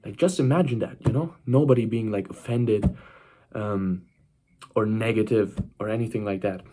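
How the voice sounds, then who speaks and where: With a dark, lowish voice at a moderate pace, a nineteen-year-old man gives a casual motivational talk to camera as a self-improvement vlogger. He's emphatic, says things more than once and checks in with the listener often.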